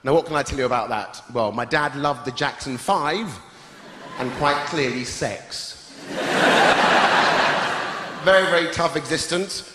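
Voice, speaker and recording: A man's voice: mid-range voice, a little slow, pauses often, a little hiss or hum. A man hosting a stand-up comedy show on a theatre stage, playfully teasing the audience. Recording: echoey theatre with loud crowd.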